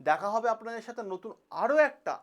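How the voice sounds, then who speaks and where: A woman's voice: fairly high pitch, animated, fast. A woman hosting a news explainer video. She explains step by step, posing questions and answering them for her viewers. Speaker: channel host.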